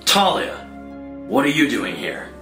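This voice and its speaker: A man's voice: a little high, very animated, unhurried, pushed and bright, faint music behind, full character voice. A man playing Batman, a grim, distrustful and commanding hero, in a dramatic table read, with terse, confrontational delivery. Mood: shouting, demanding. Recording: roomy echo with noticeable background noise.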